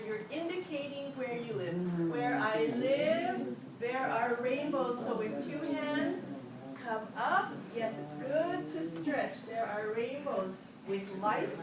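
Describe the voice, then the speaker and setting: A woman from Hilo, Hawaii, teaching a group the motions to a song and leading call-and-response greetings in an upbeat way. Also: on the high side. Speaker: hula and song instructor. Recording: roomy, far from the mic, noisy.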